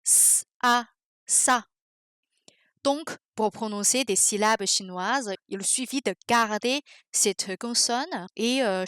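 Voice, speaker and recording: A young woman, teaching pronunciation on a podcast in a slow, careful way and sounding out syllables. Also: fairly high pitch, a bit bright, no echo, studio quality. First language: Mandarin Chinese.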